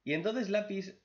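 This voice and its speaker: A young man from Spain with a Spanish accent, giving casual reaction commentary, excitable and swearing freely. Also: sits high, highs cut off. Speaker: reaction youtuber.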